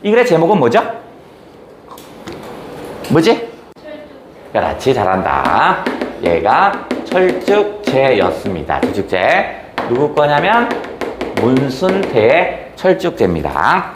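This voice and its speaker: A man's voice: slow, pauses often, reverberant, noisy background. A man giving an exam-prep literature lecture, retelling a story with acted-out lines and rhetorical questions. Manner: animated, acts out quoted lines with raised pitch, asks rhetorical questions.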